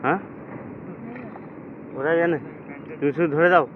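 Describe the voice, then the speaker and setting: A man's voice: fairly high pitch, fairly even intonation, unhurried, phone-quality sound. A man vlogging casually by a muddy riverbank and on a boat, chatting to his viewers and calling out to passers-by, recorded on a handheld phone. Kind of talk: casual walking vlog commentary. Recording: outdoor wind and boat noise.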